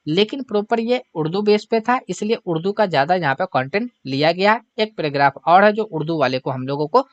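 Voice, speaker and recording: A man's voice: sits high, lively intonation, brisk, dry recording, highs cut off. A man with a Bihari Hindi accent teaching an exam-prep language lesson, patiently explaining word pairs and checking in with "है ना?" as he goes. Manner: repeats "है ना?" often, patient explaining.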